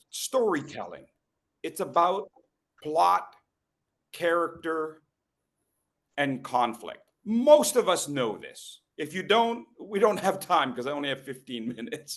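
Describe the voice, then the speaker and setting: A man's voice: on the high side, a bit bright. Playful bald man teaching comedy. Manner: playful, teasing the audience, quick asides; slows down and pauses for emphasis. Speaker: educational speaker at a club meeting. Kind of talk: humorous presentation to a live group.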